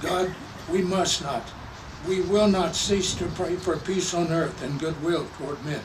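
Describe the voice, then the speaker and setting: A man giving a formal public prayer as clergy, in solemn, measured short phrases. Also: fairly high pitch. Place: public memorial ceremony. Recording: distant microphone, clearly noisy ambience.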